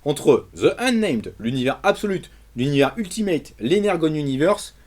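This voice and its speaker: A man's voice: fairly high pitch, very animated, moderate pace, darkish tone. A man reviewing comics in a casual, colloquial and emphatic way, talking straight to his viewers as the channel's host. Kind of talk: casual enthusiastic video review.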